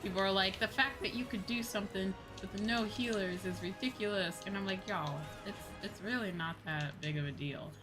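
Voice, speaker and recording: At a normal pace and with hardly a pause, a woman with a mid-range voice chats casually while livestreaming an online game. She rambles informally and thinks out loud over the game's background music.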